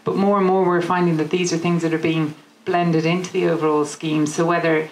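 A woman's voice: low-pitched, flat delivery, brisk. A woman in her thirties with an Irish accent, giving a practical design talk into a handheld microphone in a kitchen showroom, with many "you know" fillers. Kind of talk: presentation to a live audience. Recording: roomy showroom with faint noise.

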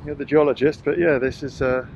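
A man's voice: mid-range voice, fairly even intonation, fairly quick, gravelly, darkish tone, lo-fi sound, slight background noise. A middle-aged man, a sailing vlogger, chatting and joking outdoors on a rocky coastline. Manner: joking and playful. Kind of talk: casual vlog chat. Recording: music playing under the voice.

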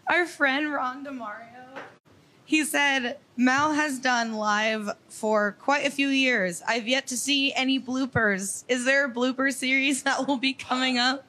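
A woman on the show's crew reading a viewer's question aloud, slowly and with amusement. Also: high-pitched, steady tone, pushed and bright. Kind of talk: reading out a live audience question.

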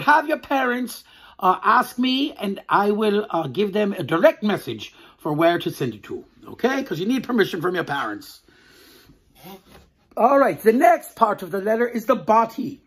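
A woman hosting a children's book club, reading a picture book aloud in a playful, animated way and chuckling often. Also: mid-range voice, moderate pace, slightly rough. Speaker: children's book reader and host.

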